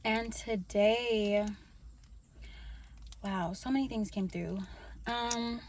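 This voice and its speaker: Brief: young woman vlogger, slow and relaxed, chats through a snack, faint room hiss behind. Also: on the high side. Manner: relaxed, slow and unhurried, talks while snacking. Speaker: vlogger sharing intuitive messages. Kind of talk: casual vlog chat while eating.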